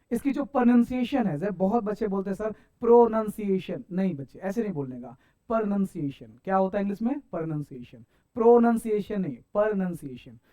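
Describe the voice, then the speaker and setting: A man with a high, slightly mellow voice teaches an English grammar lesson, posing questions to his students and answering them himself. He keeps calling his listeners "sir" and "saahab," and he draws out his English example sentences slowly.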